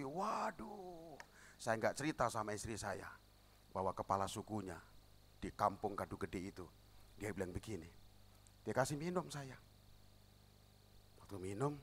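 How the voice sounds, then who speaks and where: A middle-aged man preaching a sermon as pastor, telling stories and acting out the dialogue, with shouted peaks. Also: on the low side, breathy edge. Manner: animated storytelling, acts out dialogue, shouts at climaxes.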